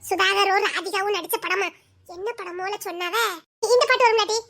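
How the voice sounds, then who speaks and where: A woman's voice: very high voice, moderate pace, creaky, fairly bright tone. A woman, playing two teasing girlfriends in a comedy skit with playful, melodramatic chatter. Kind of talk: village comedy skit dialogue.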